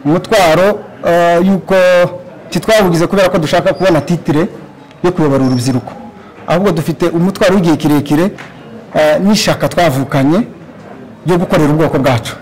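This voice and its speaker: A young man from Congo giving a campaign speech for a youth post, halting, with many fillers and restarts, at a stand mic in a large hall. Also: on the high side, darkish tone. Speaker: candidate for youth leadership. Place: large plain hall, indoors.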